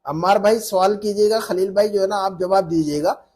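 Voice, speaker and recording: A man's voice: sits high, fairly quick, darkish tone. A man teaching a live class, patient, repeating words to drill pronunciation. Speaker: Arabic teacher.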